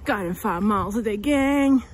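A woman's voice: medium pitch, animated, normal speed. A middle-aged woman out of breath, giving an upbeat, motivational walking vlog into a phone at arm's length. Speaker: fitness vlogger. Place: outdoors on a cold windy street, later in a car. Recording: noisy outdoor phone recording.

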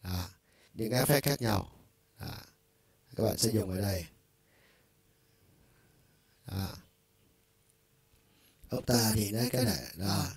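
A man's voice: on the low side, slow pace, long pauses, husky, no echo. A man giving a casual instructional demo of a keyboard's vocal effects, talking loosely with many fillers. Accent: Vietnamese. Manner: loose and conversational, with frequent filler words. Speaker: music store product demonstrator.

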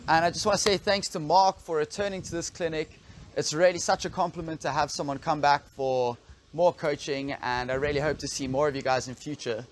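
A man's voice: on the high side, steady tone, a little fast, a little hiss or hum. A man in his thirties, an enthusiastic kitesurf coach, talking to camera outdoors by a pool on a lapel mic. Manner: upbeat, enthusiastic, laughing. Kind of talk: promotional vlog talk to camera.

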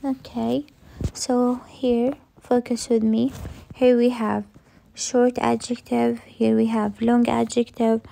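A woman's voice: on the high side, gravelly, dark tone. A woman teaching English grammar in a recorded lesson, repeating each rule and answering her own questions.

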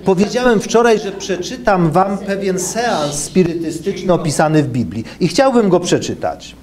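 A man's voice: high-pitched, big pitch swings, darkish tone. A man, a pastor, answering questions after a lecture and reading scripture aloud in an earnest, explanatory way, with fillers and self-corrections. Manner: earnest, explanatory, pauses to stress key points.

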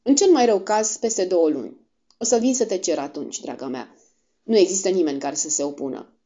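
A woman's voice: on the low side, animated, warm tone, close to an everyday voice. A woman reading the lines of an earnest young frontiersman in a storybook, speaking tenderly and urgently. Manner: tender, urgent farewell speech.

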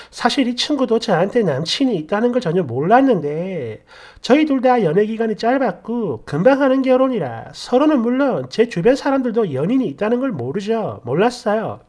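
A woman's voice: a little high, darkish tone. A woman narrating a story in the first person, sounding indignant and aggrieved as she complains.

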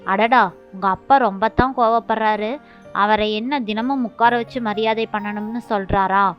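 A contemptuous, haughty young wife, read by a woman storyteller, her tone cold and dismissive, on a dull lo-fi recording with soft music underneath. She sneers at her in-laws. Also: mid-range voice, fairly even intonation, normal speed, natural voice. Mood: scornful. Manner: scornful, contemptuous. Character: arrogant haughty young daughter-in-law.

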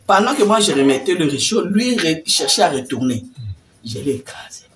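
A woman's voice: deep voice, normal speed, slight background noise. Older lady telling her faith story, voice swings way up and down, mic kinda far off. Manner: animated storyteller, drops to whispers, laughs while talking. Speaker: testimony speaker.

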